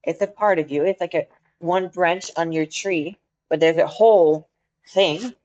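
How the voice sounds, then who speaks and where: A woman's voice: lowish voice, measured pace, a little mellow, highs cut off. A woman with a French accent, speaking English as a second language, co-hosting a podcast in casual chat, earnest and groping for words. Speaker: podcast co-host.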